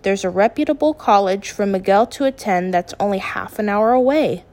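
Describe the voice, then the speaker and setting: A woman reading as a steady, calm father. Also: mid-range voice, lightly acted. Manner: calm, measured, gently firm. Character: steady middle-aged father, practical and kind.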